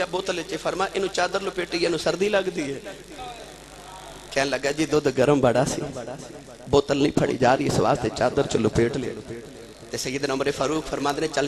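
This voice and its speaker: Male preacher, fervent storyteller, mid-high voice, live crowd recording. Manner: impassioned, addresses the young men of the audience directly. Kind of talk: religious sermon storytelling. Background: audience crowd sounds.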